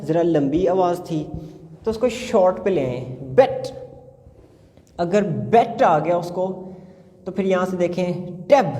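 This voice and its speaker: A man teaching English spelling sounds in a phonics lesson, slowly drawing out each word. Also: high-pitched, warm tone, in a large hall. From Punjab, Pakistan. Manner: slow drawn-out sounding of words.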